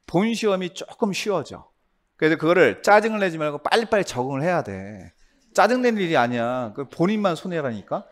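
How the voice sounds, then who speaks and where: A man teaching a real estate law exam review, quizzing his class with quick tag questions. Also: fairly high pitch.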